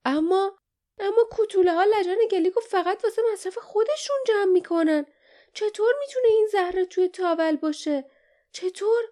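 A woman voicing a fierce young female adventurer, speaking high, quick and urgent. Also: warm tone. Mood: desperate.

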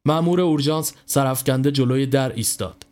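A man narrating a scripted horror story in a measured, even storytelling voice. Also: mid-range voice.

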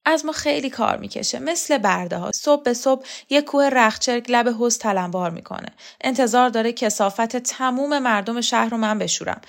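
A woman's voice: on the high side, creaky, voice pushed up. A woman reader voicing an overworked woman who complains plaintively about her harsh mistress. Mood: aggrieved. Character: overworked, aggrieved washerwoman.

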